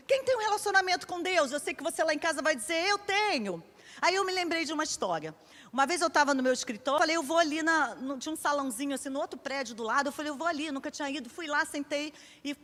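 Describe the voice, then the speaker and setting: Brazilian woman pastor, high-pitched, preaches in a chatty storytelling way, long reverb. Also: fairly bright tone. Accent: Brazilian Portuguese. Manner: conversational storytelling, acting out dialogue. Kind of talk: sermon.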